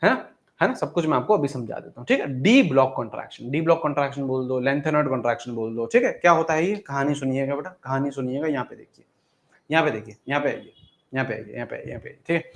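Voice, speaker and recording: A man's voice: mid-range voice, animated, quick pace. A man teaching an exam-prep chemistry lesson, repeating questions to his students and calling them 'beta'.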